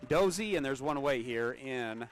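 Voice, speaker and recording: Radio baseball guy calling the pitches, steady, mid voice, chuckles with his partner. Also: moderate pace. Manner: steady play-by-play with easy laughs. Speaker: play-by-play announcer.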